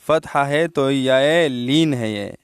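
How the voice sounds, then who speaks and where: A man's voice: medium pitch, clean tone, no echo, clean studio sound. A man with a Pakistani Urdu accent teaching tajweed, patiently explaining each letter and asking if his pupils understand. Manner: patient explanation, asks pupils if they understood, slows down to chant verses. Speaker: Quran recitation teacher. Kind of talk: tajweed lesson, explaining then reciting.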